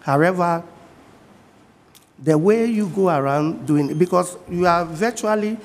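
A high-voiced, middle-aged Ghanaian man from the fishing industry appears as a TV studio interview guest. He talks in a measured manner, returning repeatedly to his key points, and sounds as if he is in a large hall.

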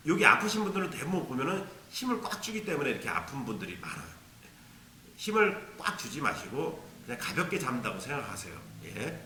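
A man's voice: fairly high pitch, sharp tone, reverberant, slight background noise. A man teaching a beginner ocarina lesson, patiently explaining and demonstrating tonguing syllables aloud. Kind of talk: instructional video lesson.

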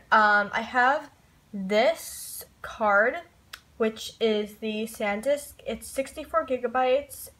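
A young woman records a casual tutorial vlog on her phone while sitting on her bed. She rambles in a chatty way and fills her sentences with "like" and "um". Her voice sits a little high. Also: a bit bright, poor audio. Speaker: YouTuber. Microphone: phone camera.

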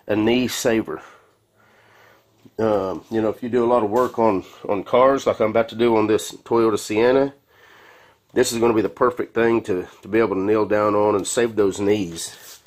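Recorded on a handheld phone, this man's fairly low, slightly mellow voice drifts through a folksy, filler-heavy review of a tool. He's a home mechanic talking casually in his concrete-floored garage.

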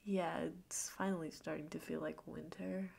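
A young woman playing a cuddly, playful girlfriend who just woke up, in an ASMR role-play with a slow, sleepy, breathy morning voice. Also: sits low, steady tone, slight background noise. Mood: sleepy, affectionate. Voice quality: breathy half-soft voice with creaky fry.

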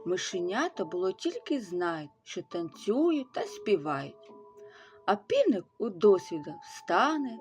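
A woman reading a folk tale aloud with slow, expressive storytelling. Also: medium pitch.

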